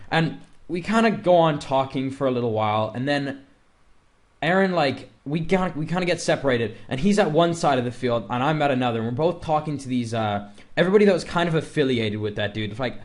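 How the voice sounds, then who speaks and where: A young man telling a story in a casual vlog, full of fillers like "like" and "uh", and swearing freely. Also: mid-range voice. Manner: rambling, filler-heavy and swearing. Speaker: vlogger.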